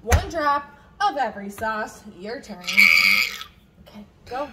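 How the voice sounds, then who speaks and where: A woman's voice: a little high, animated, takes it slowly. A woman in her thirties chatting casually during a food challenge, recorded on a phone in a home kitchen. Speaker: parent joining a hot sauce challenge. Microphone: phone propped on the counter. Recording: very noisy home video, clicks.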